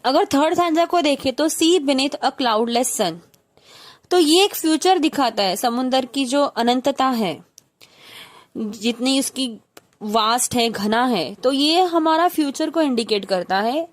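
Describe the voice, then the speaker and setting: High-voiced woman teacher explaining a poem. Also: expressive, slow pace. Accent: Mumbai. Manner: mixes English terms into Hindi, explains step by step.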